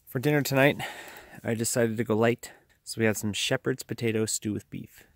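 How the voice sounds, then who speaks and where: A man's voice: medium pitch, steady tone, moderate pace, slight background noise. Man vlogging outdoors on his phone. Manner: short, matter-of-fact remarks. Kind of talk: casual vlog narration to camera. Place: outdoors on a snowy mountain ridge. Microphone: handheld phone.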